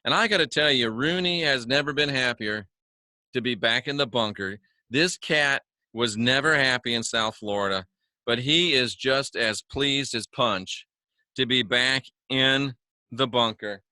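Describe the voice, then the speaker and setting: Folksy joking man, bright voice. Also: mid-range voice, unhurried, dry recording, clean studio sound. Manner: folksy, joking, chuckles at himself, repeats words for emphasis. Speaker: online religious talk host. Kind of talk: casual spoken monologue to viewers. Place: home studio he calls the bunker.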